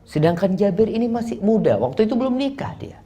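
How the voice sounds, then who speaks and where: A man preaching a sermon and telling a story in an animated way, moving between plain narration and recited Arabic. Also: sits high, fast talker.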